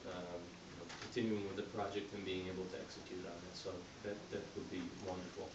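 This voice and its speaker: Man from Egypt, candidate speech, low flat voice, roomy distant sound with background noise. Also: muffled recording. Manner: halting, many fillers and restarts. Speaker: board candidate. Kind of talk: candidate speech to a community group.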